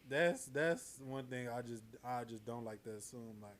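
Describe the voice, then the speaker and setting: A man's voice: mid-range voice, normal speed. A man co-hosting a podcast, telling stories animatedly and acting out the people he quotes. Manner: animated, acts out quoted voices. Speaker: podcast co-host. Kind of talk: casual chat, storytelling. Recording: faint background noise.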